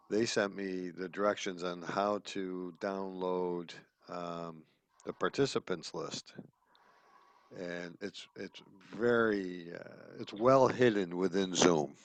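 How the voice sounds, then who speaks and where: A man on a video call explaining software steps casually, with many fillers. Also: sits low. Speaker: meetup participant. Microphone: computer mic on video call.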